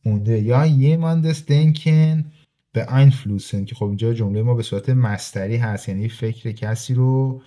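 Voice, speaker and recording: Slow-reading, dark-voiced male teacher. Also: fairly low pitch. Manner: reads example sentences slowly, then explains them quickly; addresses listeners informally as "kids". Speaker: German teacher. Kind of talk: online grammar lesson.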